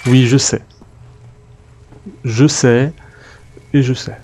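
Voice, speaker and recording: Man, let's play commentary, mellow dark tone, chatty asides to viewers, faint game noise behind. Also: medium pitch, fairly even intonation, drawn-out words. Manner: chatty, talks to viewers, muttering to himself. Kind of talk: casual gameplay commentary.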